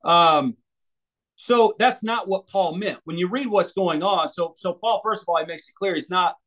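A man's voice: sits high, normal speed, fairly bright tone. American man, earnest interview answers. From United States. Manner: thoughtful, with many restarts and fillers. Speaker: evangelist and author.

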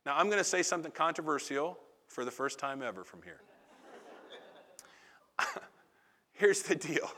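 A man's voice: fairly high pitch, animated, a little slow, pauses often, bright, forceful tone. A man preaching a sermon in a conversational, confessional way, with asides to the congregation. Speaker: pastor.

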